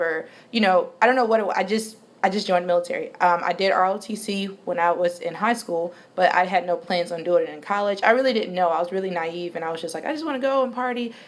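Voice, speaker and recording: A woman in her twenties giving a casual vlog update, chatty and rambling, with many ums and restarts. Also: fairly low pitch. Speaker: vlogger.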